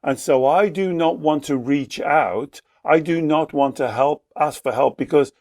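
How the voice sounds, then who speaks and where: A man working as a life coach and podcast host, teaching in a slow, emphatic way and repeating his key phrases for effect. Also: a little high, a little mellow, dry recording, studio quality. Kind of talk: reflective teaching talk.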